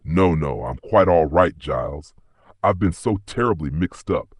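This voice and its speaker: A man's voice: deep voice, lively intonation, measured pace, breathy edge, no echo, studio quality, full character voice. A man voicing a shaken young wife who talks in an anxious, pleading way.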